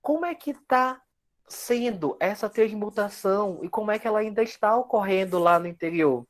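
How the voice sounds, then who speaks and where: A man's voice: high-pitched, lively intonation, normal speed. A young man, a researcher guest explaining his work reflectively at length. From Amazonas, Brazil. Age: young adult. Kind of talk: casual interview.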